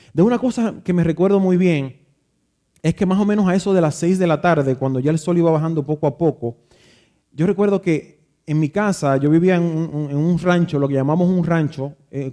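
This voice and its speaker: A man's voice: on the high side, mellow. A man, a pastor telling a reflective childhood story in a sermon, often restarting his words. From Dominican Republic.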